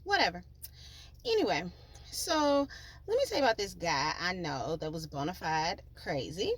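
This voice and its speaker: A woman hosting her own podcast, telling a life story in a chatty, slangy, animated way, with sons at home. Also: fairly low pitch, moderate pace. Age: adult, with children. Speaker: podcast host. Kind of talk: storytelling monologue.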